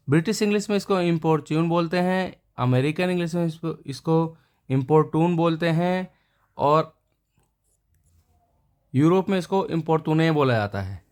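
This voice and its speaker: A man teaching English vocabulary, repeating each word before giving its meaning and synonyms. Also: on the high side. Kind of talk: explaining words and synonyms to viewers.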